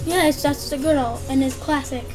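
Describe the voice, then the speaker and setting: A woman's voice: sits high, fairly even intonation, measured pace, a little mellow, soft background music. A woman joining a casual toy unboxing, teasing and giggly. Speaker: co-host.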